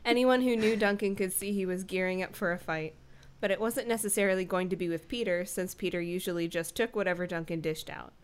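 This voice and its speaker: A woman's voice: fairly low pitch, a little fast, smooth. A woman co-hosting a podcast, reading a children's book aloud in a jokey way with playful asides. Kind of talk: casual chat and reading aloud.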